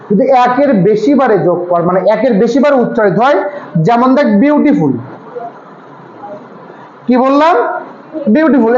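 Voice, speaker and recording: A man's voice: very high voice, slight background noise. A man tutoring a class on grammar, asking his students questions and answering them himself. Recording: echoey room, slightly dull sound.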